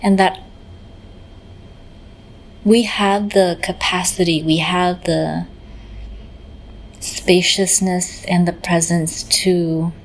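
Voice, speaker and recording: A meditation teacher leads a session in a gentle, lowish voice, speaking very evenly with little rise or fall. She's unhurried and pauses mid-phrase. The recording is low quality, with a light but steady background noise underneath.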